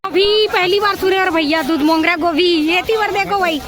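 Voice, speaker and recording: A woman with an extremely high voice gives casual vlog commentary in a Chhattisgarhi accent. She keeps directing viewers' attention around her, with a dense, noisy market crowd all around. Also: moderate pace. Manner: repeatedly pointing things out to viewers. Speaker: market vlogger. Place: outdoor vegetable market. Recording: loud busy market crowd, outdoors.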